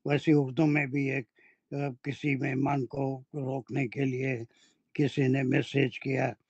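A man teaching Quranic Arabic grammar in a classroom lecture, explaining slowly and deliberately with anecdotes. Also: medium pitch, flat delivery, vocal fry, darkish tone, breathy edge, dry recording, muffled recording.

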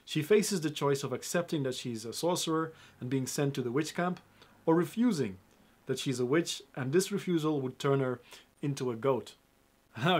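A young man presenting a film review to camera in an upbeat, emphatic way, speaking straight to his viewers. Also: medium pitch.

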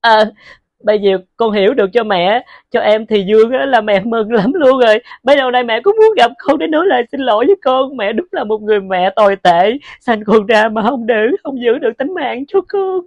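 Woman acting as a grieving mother, pleading, halting, repeats herself, somewhat high, dry close sound. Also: animated, a little mellow, dry recording, highs cut off. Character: grieving mother begging her dead daughter's forgiveness.

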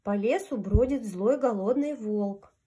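A woman reads a fairy tale to small children. Her voice sits fairly high and she takes her time, with a sing-song storyteller's delivery. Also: measured pace, warm tone, breathy edge. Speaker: children's storyteller fronting a puppet. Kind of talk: fairy tale read aloud to young children.

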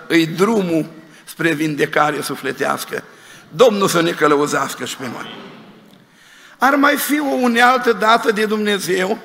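A man's voice: high voice, vocal fry, sharp tone. A man preaching a sermon in a folksy way, retelling dialogues in quoted voices. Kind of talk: sermon with storytelling. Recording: long hall reverb.

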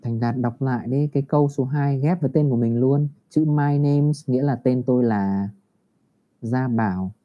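A man teaching English to young children in an online class, patient and encouraging, reading the model phrases slowly for them. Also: mid-range voice. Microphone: computer mic on a video call. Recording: dull lo-fi video call audio.

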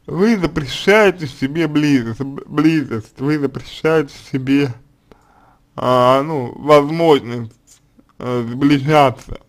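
A man answering a reader's letter as a psychologist, in a halting, deliberate monologue full of fillers and restarts. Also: medium pitch. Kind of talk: slow consulting monologue.

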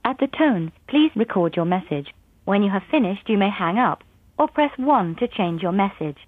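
A woman's recorded answering machine message, an automated voicemail prompt with a slow, formal announcement style. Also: mid-range voice, animated, slightly rough, no echo. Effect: automated voicemail prompt over the phone. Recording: tinny phone line, dry.

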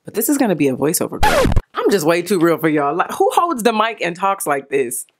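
A woman's voice: lowish voice, sing-song, fast, noisy background. A young adult woman chatting casually into a handheld mic as a beauty vlogger, playful and sing-song, joking and breaking into little rhymes. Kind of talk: casual chat.

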